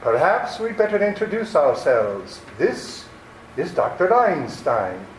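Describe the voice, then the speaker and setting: A man's voice: fairly high pitch, big pitch swings. A man playing a sinister, cruel criminal brother in a radio play, with a threatening manner. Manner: slow, threatening delivery. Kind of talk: old-time radio play acting. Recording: roomy, echoing recording with faint noise.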